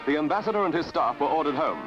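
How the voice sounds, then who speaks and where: A man giving crisp, declamatory 1950s newsreel commentary with dramatic emphasis, as an old newsreel narration. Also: a little high, lively intonation, fast. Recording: dull lo-fi 1950s newsreel soundtrack with music.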